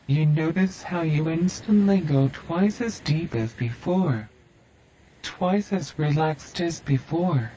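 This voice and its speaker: A man guiding a listener through a hypnosis induction with slow, soothing, repetitive suggestions. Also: a little high, dark tone, dull audio, a little hiss or hum.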